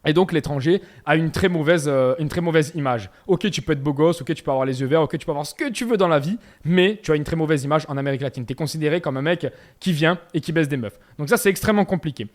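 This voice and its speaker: Fast-talking southern French man. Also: a little high. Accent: Provençal French. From Aix-en-Provence, southern France. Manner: emphatic, slangy, repeats phrases for emphasis, addresses viewer as "frérot". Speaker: self-improvement youtuber. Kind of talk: direct-to-camera motivational talk.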